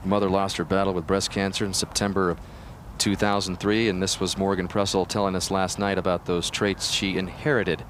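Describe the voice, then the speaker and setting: A man hosts live golf coverage as a commentator. His voice is somewhat low, and the broadcast has noticeable outdoor noise behind it. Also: little pitch movement, brisk, hardly any pauses.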